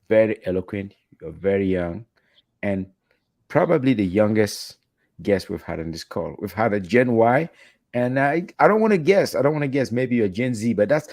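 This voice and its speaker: A middle-aged man hosting an interview over a video call from a hotel room, asking questions in an animated, playful way with rising emphasis. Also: mid-range voice, dry recording. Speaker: host. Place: hotel room while traveling. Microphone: headset with video call, red foam mic.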